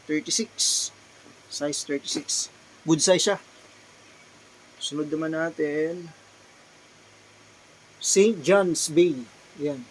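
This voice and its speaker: Holding up pieces from his little clothing shop, a Filipino man politely repeats every brand and size as he goes, speaking slowly for a casual product showcase vlog. His voice is on the high side. Audio quality is rough and there's slight background noise.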